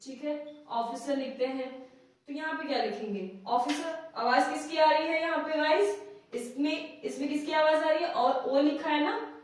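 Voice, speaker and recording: High-voiced woman teaching in an echoey room. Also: moderate pace, distant mic. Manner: repeats questions to viewers, frequent checking "theek hai". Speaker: English teacher. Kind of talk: casual whiteboard grammar lesson.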